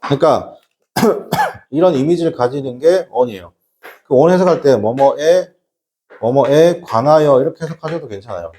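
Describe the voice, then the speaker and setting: A man's voice: medium pitch, lively intonation, a little slow, warm tone. A middle-aged man teaching a classroom English lesson, chatty and joking, constantly checking in with his students. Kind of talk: classroom lecture.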